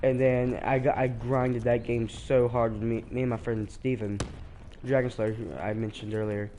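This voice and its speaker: A little hiss or hum sits under this teenage boy's medium-pitched, mellow voice, which is stuffy since he's sick and congested. He streams a shooter at a moderate pace, his flat, casual commentary rambling and hesitant, with many restarts.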